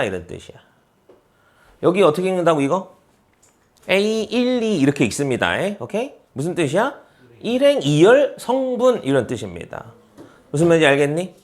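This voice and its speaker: Animated male math teacher quizzing students. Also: high voice. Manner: repetitive, checks understanding with rhetorical questions; answers his own questions, teasing students who skipped class. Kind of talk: classroom math lecture.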